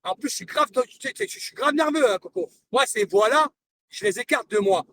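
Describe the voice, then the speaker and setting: A man with a very high speaking voice delivers a confrontational live-stream rant, taunting and hammering the same lines over and over. He sits some way back from the mic, and a faint hiss of noise runs under his voice. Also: expressive, moderate pace, a bit bright, far from the mic. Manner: confrontational, repeats himself, taunting. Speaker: livestreamer.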